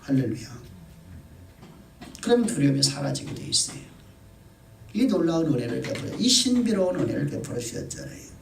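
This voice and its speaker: A man preaches a sermon with impassioned swings between hushed and loud delivery. His voice has a gravelly edge and a lively, animated pitch. The sound carries the echo of a reverberant church room. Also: fairly quick, pauses often. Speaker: pastor.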